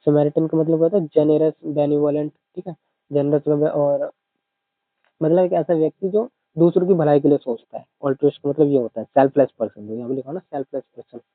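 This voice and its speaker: A man with a slightly high voice and an Indian English accent teaches vocabulary for exam students. He repeats each word several times and explains memory tricks at length. The sound is dry and thin, like a phone line. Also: steady tone, moderate pace, no echo. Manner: mixes English terms into Hindi explanations. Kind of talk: exam-prep vocabulary lesson.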